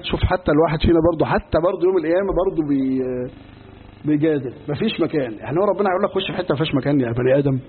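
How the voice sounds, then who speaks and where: An Islamic preacher with an Egyptian Arabic accent teaches a religious lesson in a fairly high, rapid-fire voice. He's a lively storyteller who acts out dialogues in everyday speech and adds casual asides. The recording is tinny and lo-fi, with a faint hiss.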